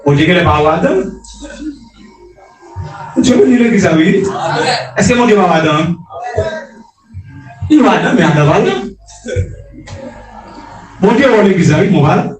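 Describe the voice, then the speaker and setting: High-voiced man preaching in an echoey hall. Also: expressive, unhurried, long pauses, music in the background. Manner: impassioned, shouted calls of alleluia; repeats and restarts phrases. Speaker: prophet preaching. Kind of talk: sermon. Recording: echoey hall picked up from a distance.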